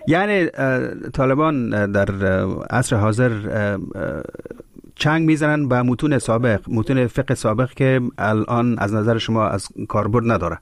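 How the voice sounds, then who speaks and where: A man hosting a radio interview, asking polite, probing questions with drawn-out hesitations. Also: mid-range voice, expressive, no echo, studio quality. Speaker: radio host.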